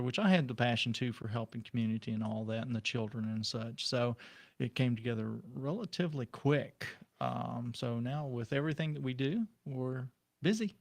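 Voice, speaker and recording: A man's voice: mid-range voice, vocal fry. A man guest on a radio interview, talking in a hesitant, rambling way with many fillers. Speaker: guest, pirate hobbyist.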